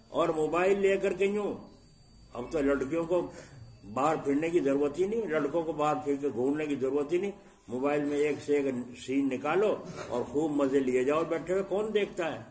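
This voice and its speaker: A middle-aged man preaching an Islamic sermon, asking the congregation questions and acting out little scenes with sudden jumps in loudness. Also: fairly high pitch. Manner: rhetorical questions to the congregation, acts out scenes with sharp shifts in loudness.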